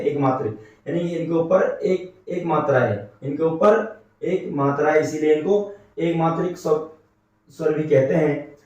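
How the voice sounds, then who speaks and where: A man with a slightly high, dark-toned voice teaches a grammar class, repeating key terms and posing rhetorical questions to his students. It's recorded in a very echoey room with the mic set far off.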